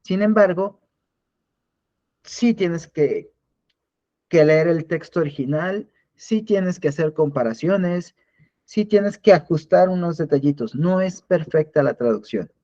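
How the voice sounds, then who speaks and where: A man's voice: on the high side, a little slow, mellow, lo-fi sound. A man teaching a live online class in a conversational way, often restarting and repeating words. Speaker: instructor.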